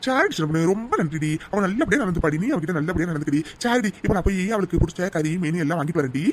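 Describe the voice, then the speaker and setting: A performer voicing a sly, easygoing village husband in a cartoon who flatters and coaxes. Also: medium pitch, racing, slight background noise, lightly acted. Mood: coaxing. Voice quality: coaxing, flattering. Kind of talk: cartoon voice acting.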